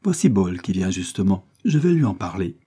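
A man reading an audiobook, voicing a good-humoured, mocking man who speaks calmly and teasingly. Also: low voice, fairly quick, husky, heavily acted. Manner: calm, laughing, teasing.

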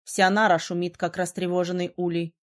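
A woman voicing a brooding, sharp-tongued young male mage in an audiobook, teasing and gruff by turns. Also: lowish voice, level tone, a little fast, natural voice. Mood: explaining. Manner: teasing, then gruff and commanding. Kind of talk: audiobook character reading.

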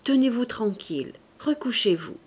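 Woman doing calm gentle nun, soft, breathy, audiobook. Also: on the high side, moderate pace. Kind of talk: audiobook character voice.

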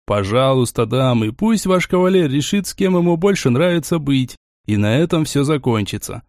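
A fussy, fast-talking male marquis, as the male narrator plays him, hurrying to calm everyone down. He speaks in quick, pleading bursts. The audiobook sound is dry. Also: medium pitch, no room sound, natural voice. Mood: placating. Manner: rapid, placating, fussy.

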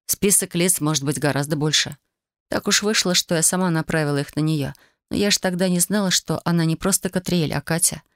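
A woman reading a first-person fantasy audiobook in a measured, even storytelling manner, close to the mic. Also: low-pitched, no room sound. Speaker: audiobook narrator.

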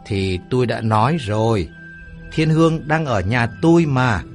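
A brash young man in an audio story, played by a male narrator. He talks back in a cocky, offhand way, his pitch moving freely. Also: expressive, unhurried, a little mellow, faint music behind.

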